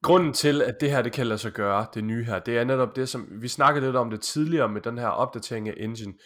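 Male co-host, measured explainer, mid-range voice, casual delivery. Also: mid-range voice, fairly bright tone. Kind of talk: casual gaming chat.

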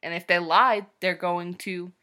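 A woman with a fairly low voice and a bright tone, co-hosting a podcast in a loose, chatty way. She laughs easily and sometimes sighs tiredly. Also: fairly even intonation, unhurried. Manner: chatty, laughs often, tired and sighing at times. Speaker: podcast co-host. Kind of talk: casual chat.

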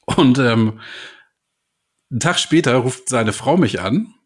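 A man in casual conversation, telling stories in an animated way and acting out the people he quotes. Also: mid-range voice, slow pace, breathy edge. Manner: animated storyteller, acts out quoted voices. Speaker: hypnotist and podcast host guest.

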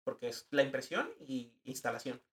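A young man with a northern Mexican accent, a guest in a casual podcast chat, telling animated stories full of slang and acted-out quotes. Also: mid-range voice, normal speed. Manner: animated storyteller, slangy, acts out quoted voices. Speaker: guest, advertising designer.

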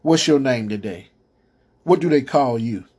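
A man's voice: mid-range voice, lively intonation, unhurried, a little mellow, breathy edge. A man preaching a podcast sermon, punctuating lines with amens and stammered restarts, calling out to the church.

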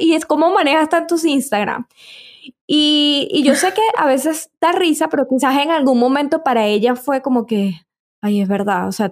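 A woman's voice: fairly high pitch, darkish tone. A woman hosting a podcast, chatting enthusiastically with many asides as she introduces her guest. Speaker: podcast host. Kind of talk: casual podcast conversation.

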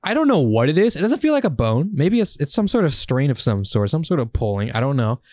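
A man's voice: medium pitch, fast, dry recording. A young man co-hosting a podcast, telling casual stories with lots of swearing and acted-out reactions. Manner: animated storytelling, swears a lot, acts out his own reactions. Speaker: podcast co-host. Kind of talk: casual chat.

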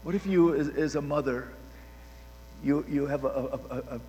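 A male pastor preaching a sermon with animated delivery, swinging between loud emphasis and hushed, quiet lines, often restarting and repeating words. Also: fairly high pitch, moderate pace, big-room sound, a little hiss or hum.

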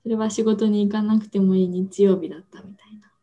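A woman co-hosting a casual podcast from home, explaining Japanese words slowly and gently with everyday examples. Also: mid-range voice, steady tone, muffled recording. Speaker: podcast co-host.

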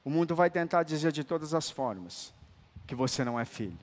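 A man preaching a sermon, emphatic and colloquial, moving between loud declarations and hushed, tender lines and calling listeners brother. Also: fairly high pitch, lively intonation, brisk. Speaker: apostle preaching. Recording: long hall reverb.

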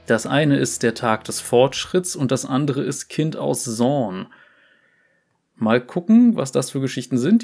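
A man's voice: medium pitch, vocal fry, a little mellow. A male channel host who reads a story aloud and then comments on it in a chatty, amused way. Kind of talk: story narration and casual commentary.

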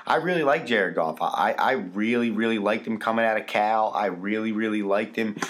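A man with a fairly low voice co-hosts a football podcast, chatting casually. He talks with emphatic energy and often repeats words to drive a point home. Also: moderate pace, a bit bright. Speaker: podcast co-host. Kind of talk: casual sports talk.

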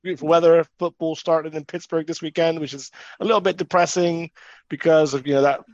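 A man's voice: a little high, steady tone, a little fast, no room sound, highs cut off. A man co-hosting a sports show, talking through statistics in a casual, chatty way. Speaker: co-host presenting stats.

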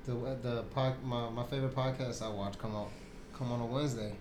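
A man co-hosting a podcast who chats in a relaxed way, laughing often and repeating words. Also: mid-range voice, brisk, a little hiss or hum. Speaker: podcast co-host. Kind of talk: casual podcast chat.

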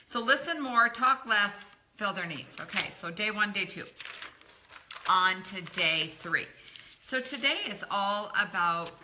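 During a live training session, a middle-aged network marketing coach speaks in an expressive, unhurried voice of medium pitch, encouraging and chatty as she greets viewers by name. She's a little croaky from talking a lot, and the background is noisy.

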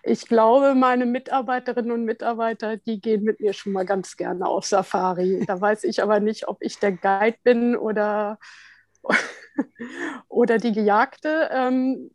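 Woman guest, chatty and laid back, lots of little pauses, a bit high, dry close mic. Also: darkish tone, dry recording. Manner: chatty with frequent hesitations and light laughter. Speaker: guest, head of continuing education at a central bank. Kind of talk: relaxed conversational interview answers.

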